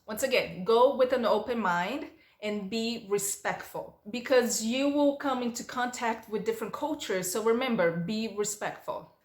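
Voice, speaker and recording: A vlogger whose first language is Portuguese reads questions aloud and answers them in a chatty, storytelling style for a casual Q&A video. Her voice is a little high, at a normal speed with few pauses, in an echoey room.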